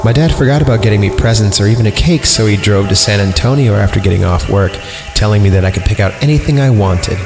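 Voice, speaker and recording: A podcast host with a fairly low voice reads a story aloud fast, irreverent and crude, breaking off for sarcastic comic asides. The recording has a roomy echo with music behind it.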